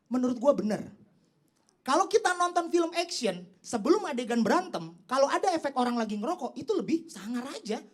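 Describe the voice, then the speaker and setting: A young man performing a stand-up comedy set on stage, teasing the crowd and leaping up in pitch for his punchlines. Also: big pitch swings, a little fast. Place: comedy stage before a live audience. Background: audience laughter and applause.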